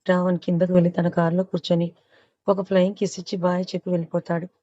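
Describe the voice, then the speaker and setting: A woman reads a romance novel aloud in a low, dark, mellow voice that stays even and level. The sound is dry and a little muffled, close to the microphone. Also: fast. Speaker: audiobook narrator.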